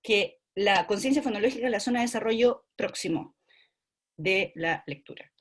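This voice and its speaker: A woman with a Chilean accent giving an online class to trainee teachers over a video call, explaining step by step and checking in with quick rhetorical questions. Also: medium pitch, expressive. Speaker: university lecturer for trainee teachers.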